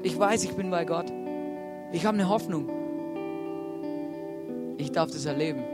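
A man preaching a sermon from a church stage, earnest and urging, putting questions to the congregation and often starting with "hey". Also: fairly high pitch. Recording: soft guitar music playing behind.

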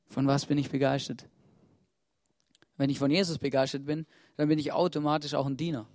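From a church stage, a man preaches an earnest, urging sermon, questioning the congregation and often opening with "hey." His mid-range voice keeps a level tone at a brisk clip, and the recording is dry and studio-clean, with soft guitar music underneath.

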